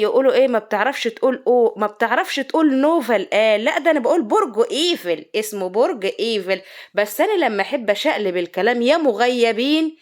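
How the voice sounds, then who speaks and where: Fast-talking Egyptian woman vlogger, bantering. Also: on the high side. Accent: Egyptian Arabic. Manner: bantering back and forth with herself in mock quarrels, colloquial. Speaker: cooking vlogger. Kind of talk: comic home vlog.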